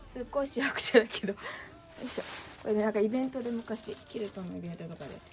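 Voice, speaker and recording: Standing in her entryway by a shelf, a middle-aged woman who runs a succulent channel shows off plants to the camera in casual conversation. She speaks rapid-fire in a slightly high voice.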